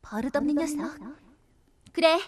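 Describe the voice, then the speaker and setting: A woman's voice: high-pitched, a little slow. A woman playing an impulsive, earnest young sorceress in a radio drama, theatrical in delivery. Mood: impatient, scolding. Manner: animated, theatrical. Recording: music under the voice.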